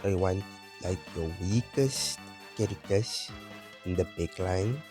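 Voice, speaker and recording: A man with a low voice talks through a game casually, rambling as he explains things. Game music plays loudly under his voice. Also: slow. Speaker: gaming channel host. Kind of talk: casual let's play commentary.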